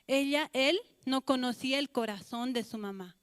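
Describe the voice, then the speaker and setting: High-voiced woman telling children a story. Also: moderate pace, clear, resonant tone, no echo, studio quality. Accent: Bolivian Spanish. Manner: addresses children directly with questions. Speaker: children's church teacher.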